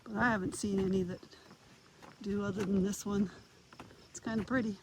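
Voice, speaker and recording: A woman's voice: medium pitch, moderate pace. A retired woman in her sixties chatting casually as she walks a nature trail, talking to her viewers. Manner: chatty, relaxed commentary while walking. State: out of breath. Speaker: vlogger. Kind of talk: casual hiking vlog narration. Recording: outdoor phone audio with insect noise.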